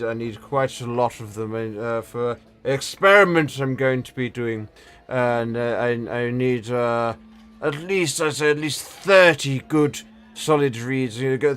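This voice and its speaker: A man voicing an eccentric, elderly herb-seeking wizard in a halting, repetitive, rambling delivery for a tabletop game. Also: fairly high pitch, fairly bright tone. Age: elderly figure. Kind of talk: tabletop role-play acting.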